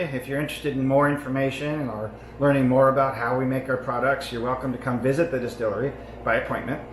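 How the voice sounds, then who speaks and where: A man with a mid-pitched voice gives a guided tour in a plain, explanatory way, going step by step. The space around him is clearly echoey, and a faint layer of noise sits behind his words. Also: a bit bright. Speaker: distillery owner and tour guide. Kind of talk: informal guided tour narration.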